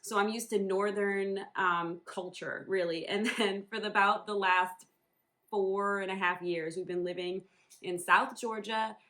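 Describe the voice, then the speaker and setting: A woman from Northern New England, USA, casually vlogs about her home embroidery business, rambling with lots of ums and likes. Her mid-range voice is steady, a bit bright and measured in pace.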